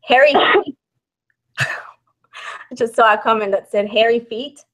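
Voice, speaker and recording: A woman in her thirties, from Mexico and speaking with a Mexican accent that has some Texan to it, hosts her channel and casually reads out questions from viewers. She chats, laughs often and restarts phrases. Her voice is a little high and fairly bright, and she takes a slow pace.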